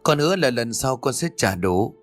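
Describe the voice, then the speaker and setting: A man's voice: mid-range voice, animated, moderate pace, faint music behind, natural voice. A man voicing a poor peasant who pleads tearfully on his knees in a ghost story. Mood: begging.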